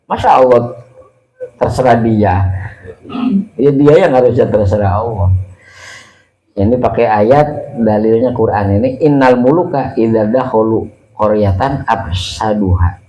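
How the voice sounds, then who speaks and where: A man's voice: fairly low pitch, a little slow, long pauses, mellow, dull audio. A man giving a casual sermon, explaining Arabic phrases line by line in a colloquial way. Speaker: religious teacher. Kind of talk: casual sermon teaching from a kitab. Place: mosque study gathering. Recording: roomy hall with faint ambience.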